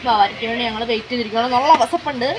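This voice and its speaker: A travel vlogger with a fairly high voice races through casual, chatty talk, exclaiming often and calling her viewers guys. She films on a phone, first on a rooftop terrace in hot sun and then indoors, with loud background noise on the recording.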